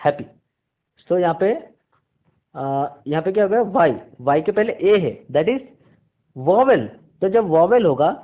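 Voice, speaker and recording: Speaking with a mid-range, dark-toned voice and an Indian English accent, a man leads a grammar lesson. He reads rules aloud at a slow pace, then rushes through explanations between them.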